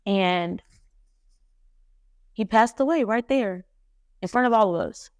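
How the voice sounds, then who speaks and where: Young woman haltingly telling a painful story. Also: mid-range voice, dry recording, studio quality. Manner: halting, emotional retelling with many fillers. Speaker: podcast host. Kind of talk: personal storytelling.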